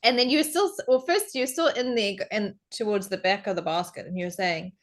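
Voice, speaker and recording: A young adult woman, a guest on a podcast, telling a story in casual chat and acting out what people said with big leaps in her voice. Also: fairly quick. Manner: animated storyteller, acts out quotes with big pitch jumps.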